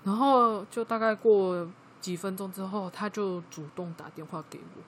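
A woman with a Taiwanese Mandarin accent, co-hosting a casual chat podcast and telling a work story in a lively way. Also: medium pitch, normal speed, a little hiss or hum. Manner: lively storytelling, acting out quoted dialogue. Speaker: podcast co-host.

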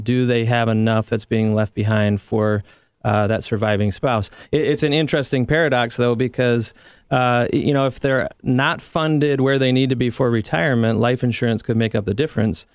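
Smooth-voiced male financial planner on radio. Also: mid-range voice, fairly even intonation, normal speed, no echo. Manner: thoughtful, self-correcting, dry humor. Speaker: financial planner, show regular. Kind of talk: explanatory radio talk.

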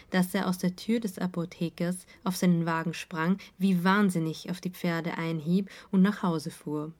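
A woman narrating a fairy tale in a calm, measured storytelling manner. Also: fairly low pitch.

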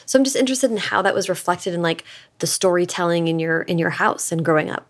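A woman's voice: lowish voice, expressive, fast talker, no room sound. A young woman hosting a podcast, reading sponsor notes and chatting with a guest in a bubbly, enthusiastic way. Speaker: podcast host. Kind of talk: podcast host read and interview.

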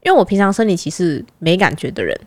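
A woman's voice: on the low side, very animated, fast, dry recording. A woman from Taiwan, co-hosting a podcast, telling a personal story in casual chat and acting out the people she quotes. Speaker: podcast co-host.

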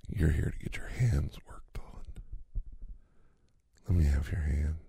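A man doing an ASMR hand massage role-play, speaking softly and sultrily and often slipping into a whisper. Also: extremely low pitch, unhurried, creaky. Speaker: ASMR creator.

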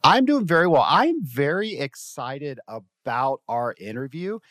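A man's voice: a little high, big pitch swings, a little slow, fairly bright tone. A man hosting a podcast, introducing his guest and asking questions in an upbeat, enthusiastic way. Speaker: podcast host. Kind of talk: podcast interview.

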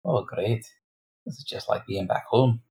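Gravelly, dry-witted man playing a tabletop game. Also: lowish voice, measured pace, mellow. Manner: dry, sardonic. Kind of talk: casual in-character play and banter.

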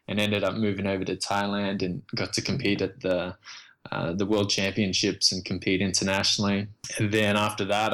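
A man's voice: fairly low pitch, a bit bright. A man in his thirties with an Australian accent, speaking as an interview guest and often hesitating and restarting as he talks. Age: 30s. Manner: hesitant, many restarts and fillers. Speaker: guest writer. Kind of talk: casual interview talk.

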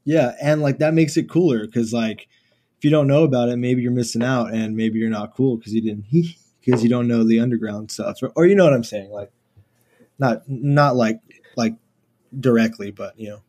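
Young male guest musician from Houston; relaxed, rambling delivery, warm mellow timbre. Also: mid-range voice, moderate pace. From Houston, Texas, USA. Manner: laid-back, many fillers like "like" and "uh". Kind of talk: casual interview chat.

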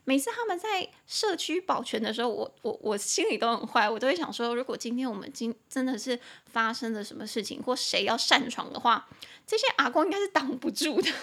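A young woman with a Taiwanese Mandarin accent hosting a casual podcast lesson, spelling English words slowly and adding chatty asides. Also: on the high side, expressive, creaky, a bit bright, breathy edge. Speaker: podcast host teaching English.

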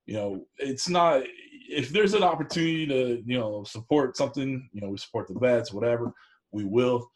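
Speaking at a normal speed in a medium pitch, a man chats casually in a rambling, folksy, plain-spoken style as a show host. He co-hosts an online cooking show and appears here as an interview guest.

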